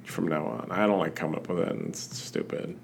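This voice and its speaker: A man's voice: deep voice, fairly even intonation, quick pace, gravelly, a little hiss or hum. A man hosting a podcast, chatting casually and rambling with lots of restarts and fillers. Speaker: podcast host. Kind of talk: casual chat.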